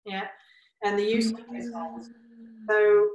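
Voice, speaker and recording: A woman's voice: medium pitch, level tone, measured pace, darkish tone. A woman therapist giving practical tips in a casual, chatty demonstration style. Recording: echoey room, distant from the microphone.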